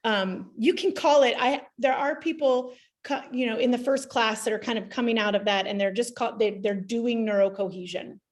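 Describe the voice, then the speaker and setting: A woman's voice: a little high, normal speed. A woman answering a student's question in a live online class, talking casually and often restarting her sentences. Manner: chatty, self-interrupting, restarts sentences. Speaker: energy practitioner teaching a class. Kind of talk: live Q&A teaching, casual explanation.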